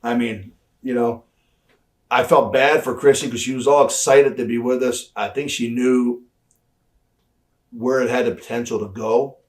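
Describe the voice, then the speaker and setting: A man's voice: medium pitch, steady tone, normal speed. A man, a former pro wrestler, telling an offhand backstage story as an interview guest. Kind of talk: casual anecdote in an interview.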